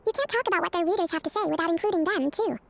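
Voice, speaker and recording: A woman's voice: extremely high pitch, very fast, vocal fry, slight background noise. A woman voicing a composed, candid dream therapist in a video game, speaking in an analytical, frank way. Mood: composed, firm.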